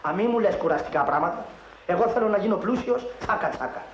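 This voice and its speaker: A man's voice: high voice, animated, noisy background. An actor playing a broke, wisecracking young man who dreams of getting rich, talking in glib jokes. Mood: cheeky. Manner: joking, glib, mock-Italian banter. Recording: dull, roomy 1960s film sound.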